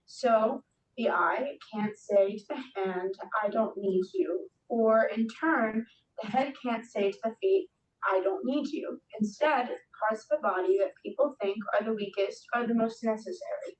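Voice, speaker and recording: Female lay scripture reader, distant and echoey recording. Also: a little slow. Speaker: participant reading scripture aloud. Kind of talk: read-aloud scripture. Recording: echoey room, distant mic, rumble.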